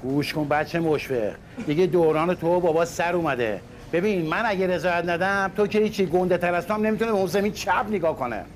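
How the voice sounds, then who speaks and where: An actor as a bitter, blunt land claimant. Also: male voice, sits high, close to an everyday voice. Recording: background noise.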